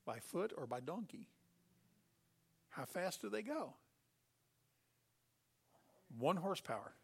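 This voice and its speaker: A middle-aged man preaching a sermon, telling Bible stories with animated delivery and acting out the characters. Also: high-pitched, measured pace, gravelly, breathy edge.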